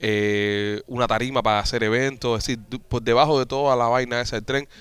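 A man's voice: medium pitch, fairly even intonation, a little fast, a bit bright, clean tone, no room sound. A man hosting a casual podcast chat, talking loosely with profanity and frequent restarts. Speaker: podcast host. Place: Miami area.

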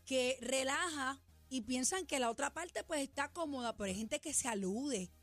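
A woman co-hosting a radio show, animated and teasingly scolding. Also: high-pitched, normal speed, dry recording. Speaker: radio co-host. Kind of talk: chatty radio banter.

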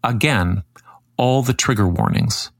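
A man hosting a podcast, reading scripted commentary in a measured, critical way. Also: fairly low pitch, wildly swooping pitch, gravelly, no room sound. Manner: measured, critical, reads quotes aloud. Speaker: podcast host.

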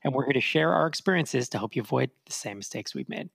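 A man co-hosting a podcast in casual chat, telling stories in an animated, chatty way and laughing often. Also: mid-range voice, quick pace, vocal fry, slightly rough, no echo. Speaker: podcast co-host.

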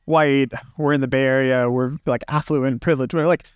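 A man's voice: medium pitch, steady tone, brisk, clear, resonant tone, no echo. Reflective man, talking loosely in a dry close recording. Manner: reflective, loose, with frequent fillers and restarts. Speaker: guest, research consultant. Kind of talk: casual podcast conversation.

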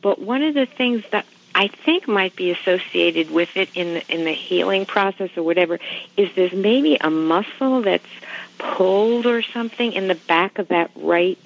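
A woman's voice: medium pitch, normal speed, creaky. A woman calling in to a radio show over the phone, talking in a hesitant, casual way as she searches for words. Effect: heard over a phone line on a radio show. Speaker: call-in radio show caller. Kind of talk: casual chat. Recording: lo-fi phone line.

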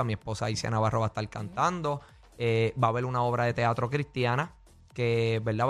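Halting Puerto Rican preacher man. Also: mid-range voice. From Puerto Rico. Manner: halting, repeats words, fills with "¿verdad?" and "este". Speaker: guest preacher. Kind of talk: radio interview.

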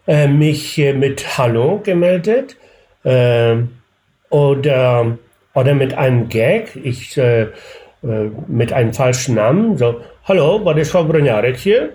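Slow, hesitant man calling in. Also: mid-range voice, expressive, warm tone. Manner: hesitant, with many fillers and self-corrections. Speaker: regular on the podcast, phoned-in guest. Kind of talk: casual chat over a call.

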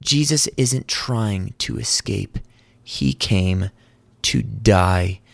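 A man's voice: on the low side, extremely slow, creaky, dry recording. A man preaching a sermon, telling the story earnestly and voicing the quoted lines with rising intensity.

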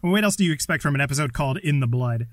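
A man's voice: a little high, expressive, racing, no echo, clean studio sound. A man co-hosting a casual podcast, chatting informally from a small closet. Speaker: podcast co-host.

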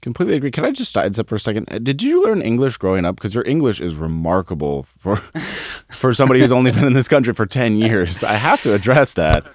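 A man's voice: on the low side, fast talker, no echo. A man hosting a podcast interview, reading a scripted intro and then joking in a self-deprecating way. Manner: jokey, self-deprecating, animated. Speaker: podcast host.

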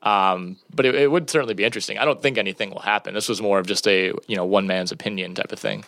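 A man's voice: fairly low pitch, fairly even intonation, quick pace, gravelly, a bit bright, no room sound, clean studio sound. A man co-hosting a sports podcast, chatting casually and rambling with lots of fillers. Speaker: podcast co-host.

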